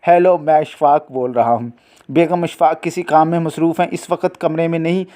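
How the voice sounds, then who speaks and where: A man's voice: fairly high pitch, steady tone, moderate pace, dark tone, close to an everyday voice. A man playing a sick, irritable middle-aged husband in a dramatic reading, groaning and complaining. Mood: grumbling.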